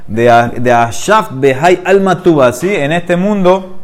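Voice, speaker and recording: A man teaching a Talmud class, slowly reading out Aramaic phrases and then explaining them quickly, often asking rhetorical questions. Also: on the high side.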